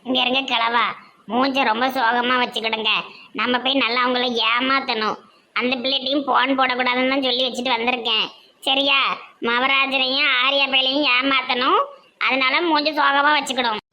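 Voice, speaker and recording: A woman's voice: high-pitched, level tone, normal speed, bright, forceful tone, highs cut off. A woman with a Tirunelveli Tamil accent voicing a bossy, nagging village mother in a cartoon. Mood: scheming.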